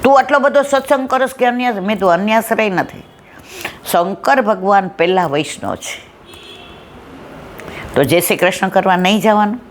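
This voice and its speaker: A woman's voice: medium pitch, moderate pace, pauses often, slight background noise. A middle-aged woman giving a devotional satsang talk, telling a story in a conversational way and asking her listeners whether they follow. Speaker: satsang speaker.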